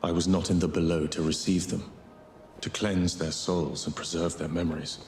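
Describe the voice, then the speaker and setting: A man voicing an ancient male spirit companion who speaks in a measured, formal and grave way. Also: deep voice, level tone, darkish tone, a little hiss or hum. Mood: solemn. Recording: roomy echo over game music.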